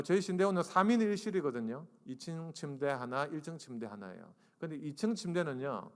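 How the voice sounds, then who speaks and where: A man in his forties, a seminary professor preaching to a congregation, tells a funny story and acts out the dialogue. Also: on the high side. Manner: animated, acts out dialogue and asks the congregation to raise hands. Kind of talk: humorous storytelling sermon. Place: church sanctuary. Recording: long reverb of a church sanctuary.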